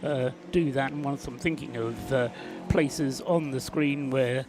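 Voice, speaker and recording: A man's voice: mid-range voice, unhurried, music in the background. A man commentating on a live race broadcast and interviewing guests, chatty and full of hesitant fillers.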